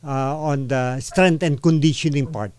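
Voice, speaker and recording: A man's voice: medium pitch, fairly even intonation, a little mellow, smooth, no room sound. Filipino man hosting a radio boxing show. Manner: switches between Tagalog and English, many filler pauses. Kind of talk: radio boxing talk and interview.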